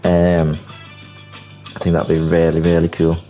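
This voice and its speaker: A man's voice: sits low, monotone, unhurried, lo-fi sound. A young man casually retelling a movie plot idea, rambling and leaning on filler words. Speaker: video creator. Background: soft background music.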